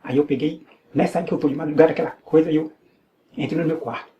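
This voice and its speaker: A man's voice: a little high, fairly even intonation, quick pace, highs cut off. A man with a Brazilian Portuguese accent giving an earnest personal religious testimony, repeating phrases and restarting often. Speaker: evangelical believer giving testimony.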